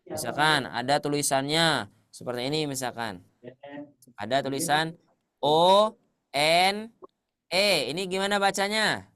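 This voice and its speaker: A man teaching a tajwid class, quizzing his students and confirming their answers, at times chanting Arabic verses slowly. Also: a little high, pushed and bright, clean tone, dry recording, clean studio sound. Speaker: Quran recitation teacher.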